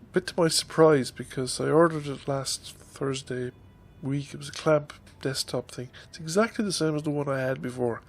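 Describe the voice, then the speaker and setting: With a stuffy nose from a head cold, a fiftysomething Irish YouTuber talks at a normal speed and a fairly high pitch, leaving few pauses. He's doing a casual vlog update at his desk microphone on a stand, rambling hesitantly and saying um a lot.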